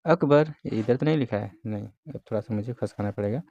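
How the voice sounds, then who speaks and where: A man teaching English grammar, reading a story slowly word by word and explaining each part, often asking and answering his own questions. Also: mid-range voice, gravelly, warm tone, no echo, highs cut off. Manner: reads English words slowly one at a time, then explains. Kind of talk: bilingual grammar lesson reading a story aloud.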